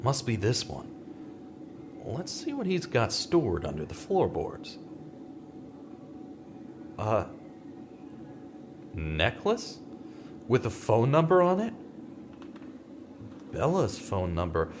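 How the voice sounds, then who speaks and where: Voicing a brooding, dogged, skeptical investigator in an old-time-style radio mystery, this man speaks in a deliberate, dramatic, questioning manner, sounding puzzled and searching. His pitch is medium but swings hugely, over a noisy background with music.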